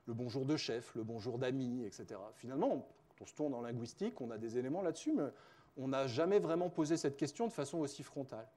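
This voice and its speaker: A man's voice: mid-range voice, animated, fast talker, warm tone. A man giving a spontaneous conference lecture as a researcher, chatty, with frequent fillers, self-corrections and wry joking asides.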